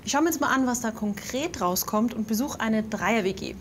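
A woman's voice: a little high, expressive, moderate pace, slight background noise. A woman reporter narrating and asking friendly, curious questions. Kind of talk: reportage and interviewing.

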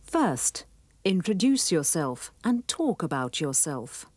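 A woman narrating an English course in a clear, encouraging, deliberate way. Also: deep voice, sing-song. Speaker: programme narrator. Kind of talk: scripted narration for language learners. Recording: music playing behind.

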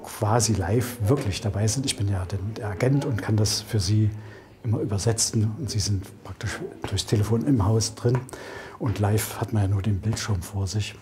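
A man's voice: fairly low pitch, normal speed, background noise. A man explaining his service as an agent in an interview. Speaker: auction house telephone agent.

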